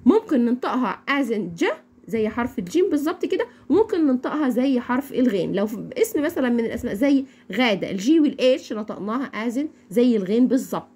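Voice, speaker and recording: A young woman with an Egyptian accent teaching English phonics, repeating each word slowly for learners to echo. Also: on the high side, expressive, warm tone, husky. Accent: Egyptian Arabic. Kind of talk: phonics lesson.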